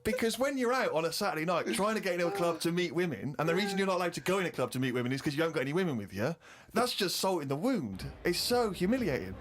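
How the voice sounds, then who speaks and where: A man's voice: fairly high pitch, sing-song, rapid-fire, hardly any pauses. A man, a podcast co-host, telling a self-deprecating comic story and acting out other people's lines.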